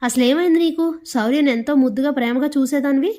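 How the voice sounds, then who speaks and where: A woman voicing a young husband who tries to calm his family in a pleading, placating manner. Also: high-pitched, fast talker, close to an everyday voice.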